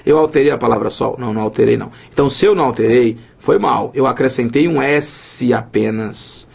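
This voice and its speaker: A man from Brazil teaching an online grammar lesson in a lively, chatty way, joking with his students. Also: medium pitch, brisk, vocal fry, husky. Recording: dull lo-fi sound.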